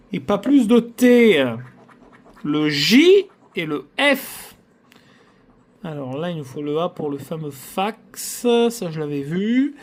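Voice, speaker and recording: A man's voice: on the high side, creaky, darkish tone. A man hosting his own channel, chatting casually to viewers as he scratches lottery tickets and groans theatrically at every loss. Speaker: channel host.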